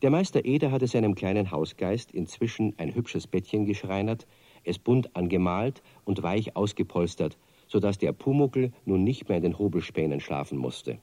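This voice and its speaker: Lively deep-voiced male storyteller. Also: normal speed, no echo. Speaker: narrator. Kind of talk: storybook narration for a children's radio play.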